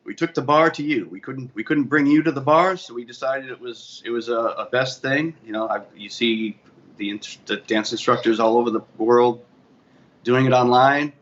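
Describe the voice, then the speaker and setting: A man's voice: mid-range voice, moderate pace, fairly bright tone. A man with a Boston accent, telling his career story in a casual interview and often correcting himself. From Boston area, USA. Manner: rambling, self-correcting storytelling. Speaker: guest, DJ and bar manager. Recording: muffled audio with faint ambient noise.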